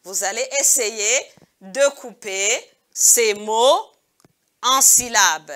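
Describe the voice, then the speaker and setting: Female kindergarten teacher, very slow and patient, bright tone, repeats each word twice for small children. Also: on the high side. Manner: addresses pupils as "mes amis". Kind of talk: recorded video lesson for young children.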